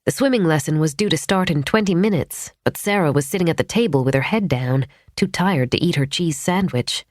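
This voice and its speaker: Low-voiced woman narrating a thriller. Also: dry recording. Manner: measured, tense storytelling. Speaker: audiobook narrator. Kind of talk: scripted narration. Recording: dry studio audiobook.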